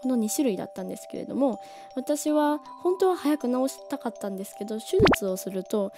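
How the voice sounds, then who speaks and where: A woman, slightly hoarse from a cold, explaining things as a voice-training teacher in a friendly, animated way that stretches key words slowly. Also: a little high, over music. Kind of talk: casual explanatory talk.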